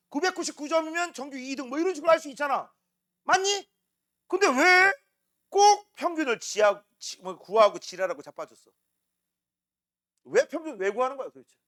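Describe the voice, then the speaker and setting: A middle-aged man teaching a science class, joking roughly with his students and constantly checking in with tag questions. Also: very high voice, pushed and bright. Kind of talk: classroom lecture.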